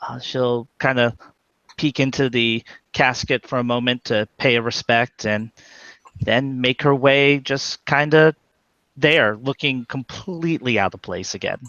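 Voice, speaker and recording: Halting male player, bright voice, dull lo-fi recording. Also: medium pitch, no echo. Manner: halting, many uhs. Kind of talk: narrating his character's actions. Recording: dull, dry lo-fi mic.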